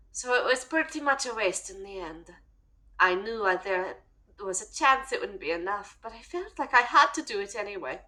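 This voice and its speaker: A woman's voice: mid-range voice, pushed and bright, pitched below the performer's own voice, poor audio. A woman voicing a weary, powerful woman who speaks in a subdued, rueful way.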